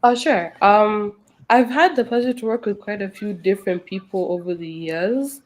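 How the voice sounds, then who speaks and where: A woman's voice: mid-range voice, moderate pace, poor audio. A woman chatting casually and reflectively as an artist being interviewed. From Kenya. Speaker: hip hop artist, interview guest.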